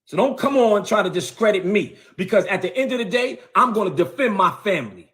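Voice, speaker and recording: A man's voice: sits high, animated, brisk, a bit bright. A man, a bishop, ranting confrontationally on his own livestream, repeating himself and calling people out. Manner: confrontational, repetitive, heated. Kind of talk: livestream rant. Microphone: phone or webcam on a livestream.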